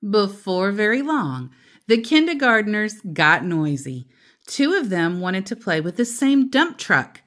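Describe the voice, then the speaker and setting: Reading a picture book to listeners, this female storyteller speaks at a medium pitch. She leans on words with deliberate emphasis and slips in offhand remarks.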